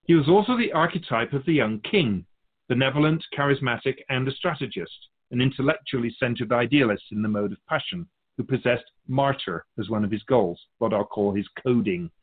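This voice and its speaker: A man plays a wise spirit guide answering questions about human souls, sounding reflective as he explains. His measured, philosophical delivery is gently instructive, and his medium male pitch rises and falls animatedly. The voice has a breathy edge and the sound is phone quality.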